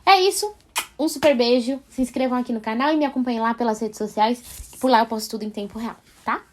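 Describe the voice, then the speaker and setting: A young Brazilian woman with a São Paulo accent, explaining parenting tips in a friendly, casual vlog and checking in with the listener with quick tag questions. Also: on the high side. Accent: Brazilian Portuguese, São Paulo. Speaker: parenting vlogger.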